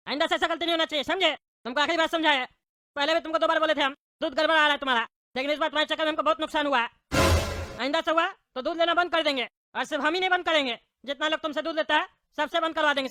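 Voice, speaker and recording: A woman in a comic sketch, loudly scolding and shouting. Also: sits high, rapid-fire, no room sound, faint music behind. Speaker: comedy sketch actor.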